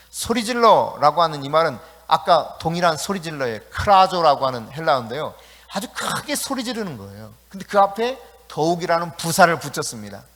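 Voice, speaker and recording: A male pastor delivering an evening sermon with emphasis and dramatic flair. His voice sits a touch high for a man. The long reverb of the church sanctuary trails behind every phrase. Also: a bit bright. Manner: emphatic, acts out scripture quotes. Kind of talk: sermon at an evening prayer meeting.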